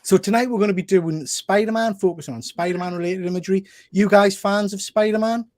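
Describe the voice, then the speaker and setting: Casting: chatty male presenter, slightly high-pitched, bantering with guests, very dry recording. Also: fairly even intonation, fast, darkish tone, no room sound. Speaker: host. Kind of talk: casual, chatty show hosting.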